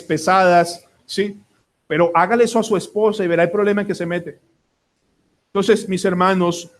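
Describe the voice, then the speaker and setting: High-voiced Colombian pastor preaching. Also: male voice. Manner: earnest, asks the congregation many questions. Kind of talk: sermon.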